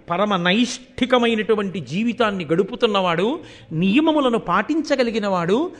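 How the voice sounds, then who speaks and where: An older man delivers a religious discourse in a strikingly high-pitched voice. He tells the story with animation, swinging between soft and loud passages. He also chants verses in a slow, drawn-out recitation.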